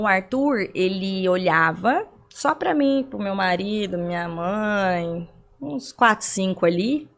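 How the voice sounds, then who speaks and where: A young adult woman from Brazil, a guest on a podcast interview, explaining things at length with rhetorical questions and everyday examples. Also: mid-range voice.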